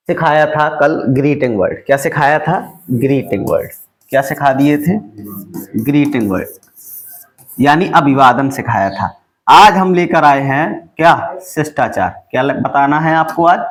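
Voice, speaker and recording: A man teaching a spoken English lesson, asking the class questions and answering them himself, and reading English example phrases slowly and deliberately. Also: on the high side, lively intonation.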